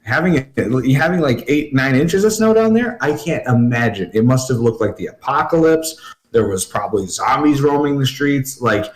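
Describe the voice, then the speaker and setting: A man's voice: medium pitch, expressive, moderate pace. A young man co-hosting a casual podcast, joking and self-deprecating. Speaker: podcast co-host. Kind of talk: casual chat. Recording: echoey room.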